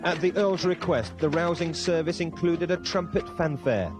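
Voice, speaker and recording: A man delivering a measured, scripted news report. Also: a little high, music in the background.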